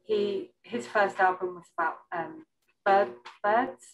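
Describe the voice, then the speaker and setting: A woman from an island speaks slowly as a curator on an informal panel about an exhibition, joining by video call from an indoor room. Her mid-range voice stays fairly even while she hesitantly searches for words. There's background noise.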